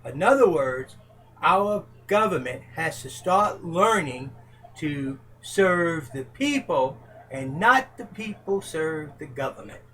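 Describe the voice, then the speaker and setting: A man's voice: fairly high pitch, expressive, takes it slowly, fairly bright tone, a little hiss or hum, low-quality recording. Earnest man answering in speechmaking tones. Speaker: interviewee, presidential hopeful. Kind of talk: casual home interview.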